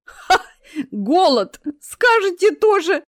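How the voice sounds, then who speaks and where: A woman voicing a chatty, fussy older cat owner who talks excitably. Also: on the high side, moderate pace, no room sound, clean studio sound.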